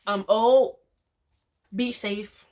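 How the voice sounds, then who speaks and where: Slow, hesitant woman vlogging in learner Spanish. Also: mid-range voice, fairly even intonation, mellow. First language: English. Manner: hesitant, self-correcting, mixes in English. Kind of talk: casual vlog in learner Spanish.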